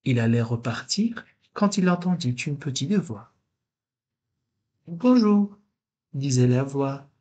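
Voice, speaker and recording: A man with a husky voice reads a children's picture book aloud. He takes it slow and gentle, with a plain storyteller's delivery. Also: medium pitch, expressive. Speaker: storybook reader.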